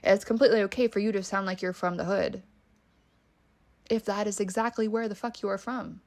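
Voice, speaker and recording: A woman's voice: mid-range voice, fairly even intonation, a little fast, darkish tone. A woman with a Valley Girl accent, hosting a solo podcast in a casual, emphatic way, swearing freely and saying "like" a lot. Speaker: podcast host.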